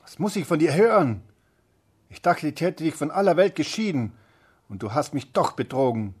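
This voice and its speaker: A furious old witch from a fairy tale, her husky voice forced up high and loud, as a man narrating puts her on. She mocks and shrieks with open scorn, the pitch swinging wildly. It is storybook reading. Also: expressive, normal speed. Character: shrill furious old female sorceress.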